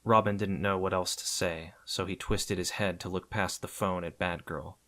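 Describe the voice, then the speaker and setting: A man with a fairly low voice narrates an adventure audiobook in a measured way. He softens toward the ends of his phrases. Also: fairly even intonation.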